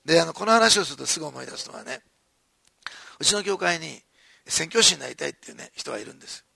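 A man's voice: on the high side, expressive, quick pace, gravelly, pushed and bright, no echo. A man preaching a sermon in a conversational storytelling way, with chuckling asides. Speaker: pastor.

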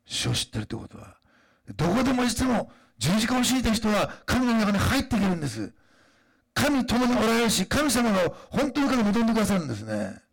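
A man delivers a sermon with a high, husky, gravelly voice. His pitch swings widely as he moves from halting, filler-filled asides to fervent, emphatic declarations. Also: very animated. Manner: conversational preaching with frequent fillers, rising to emphatic declarations. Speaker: pastor.

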